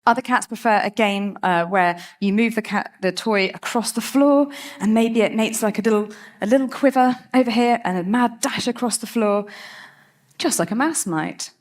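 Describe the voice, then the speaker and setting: Lively woman giving a talk. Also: on the high side, normal speed. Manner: lively, chatty, laughs often. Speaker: cat behaviour speaker. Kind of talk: TED-style talk.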